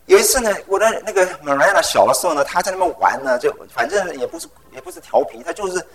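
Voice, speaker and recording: Animated gravelly preacher, a man. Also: high voice, fast, low-quality recording. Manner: animated, mixes English phrases into his speech; tells personal stories with vivid sound words. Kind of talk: sermon.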